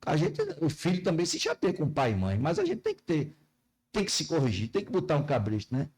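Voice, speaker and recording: A pastor preaching a folksy sermon in church, often asking the congregation questions. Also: male voice, a little high, huge pitch swings, brisk, a little mellow, husky, rough recording.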